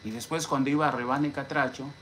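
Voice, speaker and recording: A Mexican man rants on a casual live stream, boasting about himself and dropping "hombre" into nearly every sentence. His voice sits at an ordinary middle pitch, and he stops to greet viewers from the chat. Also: steady tone, fast, a bit bright, a little hiss or hum. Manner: boastful, repeats "hombre" constantly.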